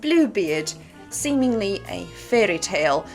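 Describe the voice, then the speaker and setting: Over background music, a woman with a medium-pitched, sing-song voice and an unhurried pace hosts a channel about disturbing books. Her casual scripted commentary is dramatic and conversational, addressed straight to the viewer and full of rhetorical questions.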